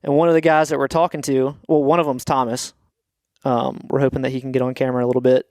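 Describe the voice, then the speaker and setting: A man's voice: mid-range voice, flat delivery, fast, a little mellow, dry recording. Easygoing man, dry close sound. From Atlanta, USA. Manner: easygoing, rambling with fillers. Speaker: podcast co-host. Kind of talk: casual chat.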